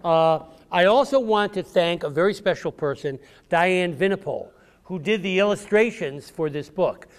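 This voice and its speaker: A man with a high, expressive voice speaks at a normal pace, giving an educational talk to a group of children in a public library room as a visiting author. He addresses them directly and repeats questions and key phrases.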